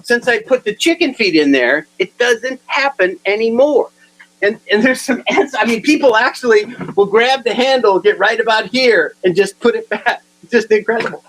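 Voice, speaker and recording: A man giving a humorous keynote talk, telling funny anecdotes in an animated way and chuckling at his own stories. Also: sits high, normal speed, poor audio. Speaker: humor speaker. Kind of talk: comic keynote storytelling.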